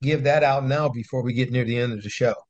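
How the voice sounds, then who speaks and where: A man's voice: mid-range voice, steady tone, fast talker, muffled recording. A man hosting a talk show, asking questions in an enthusiastic, encouraging way. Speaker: show host. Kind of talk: casual interview talk.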